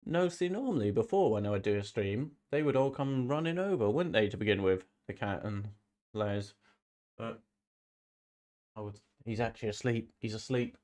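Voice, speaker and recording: His voice sits on the low side, a little mellow, with lively intonation and a moderate pace. Hosting a football watch-along stream, he chats casually while sniffly from a slight head cold, rambling and repeating his phrases often.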